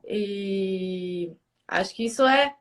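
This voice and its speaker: A woman's voice: medium pitch, slow. A woman hosting a casual conversation, chatty and thinking aloud as she talks. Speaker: host. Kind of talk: casual chat.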